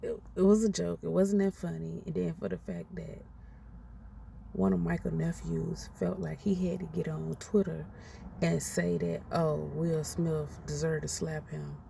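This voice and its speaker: A woman's voice: sits low, level tone, measured pace, vocal fry, warm tone. A woman, ranting her opinions in a blunt, outspoken, profane way. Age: 40s. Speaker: commentator ranting on a podcast. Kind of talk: casual opinion rant. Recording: noisy, distant from the mic.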